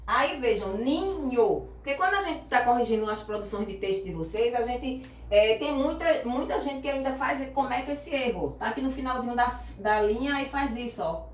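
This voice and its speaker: A woman teacher, patiently explaining grammar, spelling letters out slowly and asking if the class understood. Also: fairly high pitch, animated, a little hiss or hum. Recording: echoey room, voice from far off.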